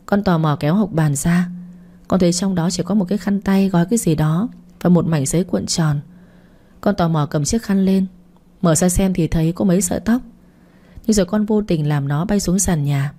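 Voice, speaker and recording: A spoiled young daughter confesses and apologizes to her parents in a radio story, voiced by a woman. She sounds tearful and sorry, read in a low, mellow tone. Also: moderate pace, natural voice. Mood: confessing. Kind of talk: audiobook reading.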